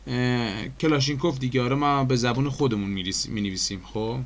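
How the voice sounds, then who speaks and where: A man's voice: mid-range voice, a little hiss or hum. A man with an Iranian Persian accent giving a chatty screen-recorded animation tutorial, explaining step by step with frequent fillers and questions to his viewers. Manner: addresses viewers as dear friends.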